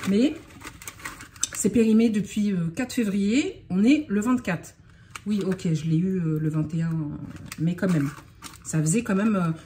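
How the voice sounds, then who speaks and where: A woman's voice: mid-range voice, warm tone, a little hiss or hum. A woman from France in a casual unboxing vlog, talking in a scattered, self-interrupting way and getting worked up. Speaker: vlogger.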